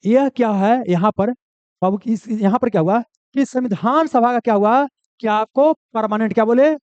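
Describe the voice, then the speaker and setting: A man's voice: very high voice, normal speed, a little mellow, clean tone, dry recording. A man teaching an exam coaching class, repeating key answers and asking and answering his own questions. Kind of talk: classroom lecture. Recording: dull, dry, lo-fi sound.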